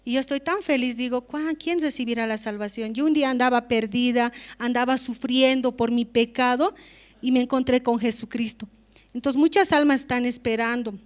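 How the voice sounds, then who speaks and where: Earnest Bolivian woman giving church testimony. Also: a little high. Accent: Bolivian Spanish. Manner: earnest, frequent tag questions, conversational. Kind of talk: spontaneous spoken testimony in church.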